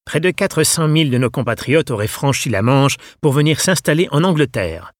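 A man's voice: fairly high pitch, lively intonation, normal speed, no room sound, studio quality, voice pushed up. A man voicing a young woman TV reporter. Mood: reporting.

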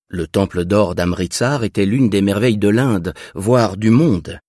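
A man reading a novel aloud as narrator, in an expressive, measured way. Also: sits low, no echo, clean studio sound. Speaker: audiobook narrator. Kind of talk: scripted narration.

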